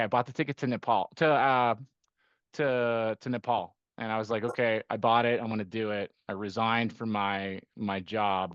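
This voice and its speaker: A middle-aged podcast guest who grew up in Costa Rica, now an investment firm managing partner, walks through his investment work in a conversational interview, frequently restarting and adding rhetorical "right?" His voice is medium-pitched and fairly bright. There's no echo, but the recording is muffled.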